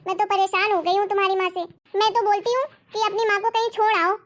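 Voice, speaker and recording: A woman playing a selfish young daughter-in-law who talks fast and complains sharply. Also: very high-pitched, flat delivery, a bit bright. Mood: complaining. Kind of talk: family drama acting.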